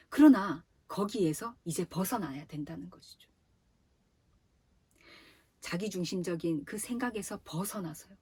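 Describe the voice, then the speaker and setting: A woman preaching a sermon to a youth group. She speaks straight to her listeners in a lively teaching tone. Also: medium pitch, husky, dry recording. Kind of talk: sermon to teenagers.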